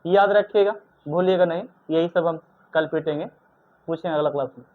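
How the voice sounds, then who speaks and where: A stern male teacher in a classroom drills his students with repeated questions and sharp scolding. His voice sits high for a man. The sound is thin and tinny, like a phone line. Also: a little fast. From India. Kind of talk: classroom grammar lesson.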